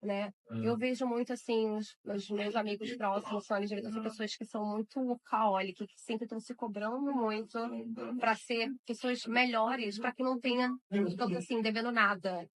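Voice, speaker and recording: A woman's voice: a little high, fairly even intonation, moderate pace, rough recording. Reflective woman searching for words. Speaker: interviewee. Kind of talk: documentary interview.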